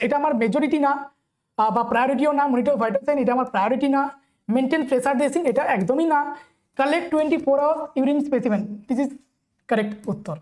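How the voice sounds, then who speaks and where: A young woman with a Bengali accent giving a nursing exam-prep lecture. She reads questions out slowly and then explains the answers quickly, checking in with her listeners again and again. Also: high-pitched, a little mellow.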